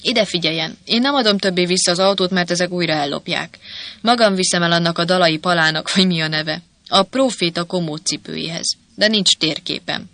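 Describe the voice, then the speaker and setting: A reader voicing the ghost of a gruff, cocky male soldier in an audiobook, in a brash, mocking manner, raised and louder than the narration. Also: medium pitch, no room sound. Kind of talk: audiobook character voice.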